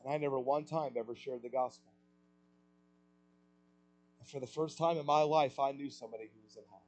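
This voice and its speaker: A man preaching a sermon with passion, asking rhetorical questions and swelling louder on key points. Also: mid-range voice, steady tone, a little fast, rough recording.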